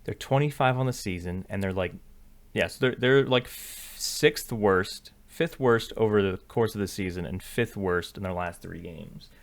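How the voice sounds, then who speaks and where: Pitched fairly low and paced in a measured way, a young man comments casually over a screen share about his sports betting picks. He thinks aloud, fixes his own statements often, and uses lots of filler.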